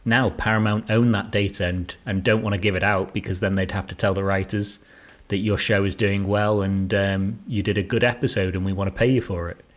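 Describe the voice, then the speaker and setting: A man's voice: lowish voice, steady tone, brisk, few pauses. A man co-hosting a podcast, talking casually in a rambling, hesitant way with many ums. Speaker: podcast co-host. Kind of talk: casual chat.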